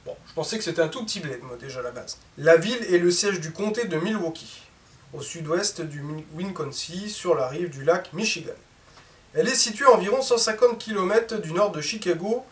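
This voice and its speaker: A man in his thirties with a high-sitting, expressive voice talks a little fast as he casually unboxes new tools for his viewers, calling them "les gars." He hosts a woodworking channel from a cluttered home workshop. A distant camera mic picks him up with roomy echo and faint noise.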